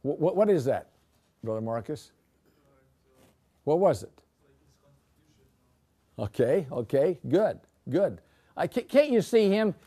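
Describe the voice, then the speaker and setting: Older guy teaching scripture class, fairly high voice, gets worked up and repeats himself a lot. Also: slow, long pauses. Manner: animated, asks the class questions, repeats words when excited.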